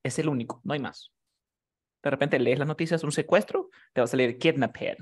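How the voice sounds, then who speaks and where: A man's voice: medium pitch, fairly quick, darkish tone. Patient man teaching grammar rules. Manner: patient, keeps checking understanding with questions. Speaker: English teacher. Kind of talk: live classroom explanation.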